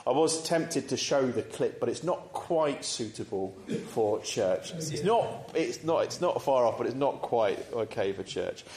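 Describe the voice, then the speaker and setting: A man preaching a sermon in a church, measured and conversational, pausing to pose reflective questions to the congregation. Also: medium pitch, expressive, a little mellow. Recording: echoey church room.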